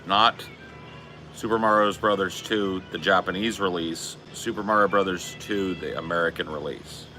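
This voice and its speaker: A man's voice: deep voice, fairly even intonation, normal speed, pushed and bright, soft background music. A man in his forties chatting casually on a live stream, laid-back and slangy, swearing often. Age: 40s. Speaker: streamer reading chat.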